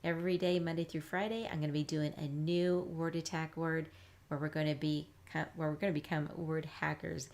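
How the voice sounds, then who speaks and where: A woman reading teacher giving a live phonics lesson, chatty and upbeat, slowly sounding words out piece by piece. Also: low-pitched, level tone, a little mellow. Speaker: reading teacher, academy founder.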